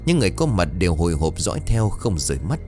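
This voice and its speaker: Brief: male storyteller, low and lively, soft music underneath. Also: quick pace. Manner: dramatic, expressive storytelling. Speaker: narrator. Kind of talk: scripted horror story narration.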